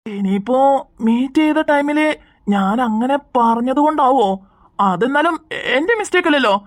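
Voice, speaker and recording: A woman voicing a kind, patient young man in a cartoon series, speaking gently and persuasively. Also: high-pitched, lively intonation, moderate pace. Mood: puzzled.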